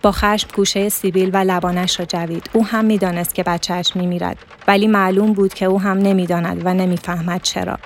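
A woman reading a literary story aloud as narrator, in a steady, measured manner. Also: mid-range voice, a little hiss or hum.

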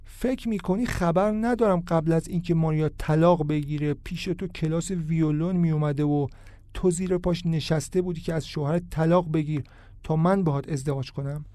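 A man's voice: on the high side, warm tone, dry recording, studio quality, natural voice. Man doing a cold, bitter jealous young man. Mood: threatening.

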